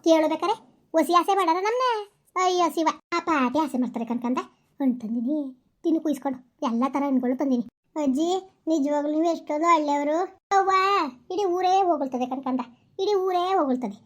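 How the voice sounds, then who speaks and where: Gossiping village mothers and in-laws, played by a woman in a comedy skit. The voice sits high and races along, full of exclamations and repeated phrases. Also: fairly quick, lightly acted. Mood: gossipy. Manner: chatty, exclaiming, repetitive village talk. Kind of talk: rural comedy skit acting.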